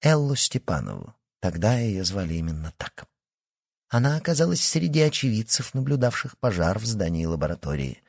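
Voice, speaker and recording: A man voicing a secretive, determined young woman who speaks low and conspiratorially in an audiobook. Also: sing-song, normal speed, gravelly, darkish tone, dry recording, clean studio sound, exaggerated voice. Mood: hushed. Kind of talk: audiobook character reading.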